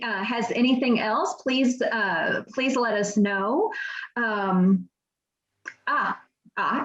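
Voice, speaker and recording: Hesitant woman moderator on a muffled call. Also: a little high. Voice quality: hesitant, many ums and restarts. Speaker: event moderator. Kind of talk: reading out audience comments. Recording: dull lo-fi video call audio.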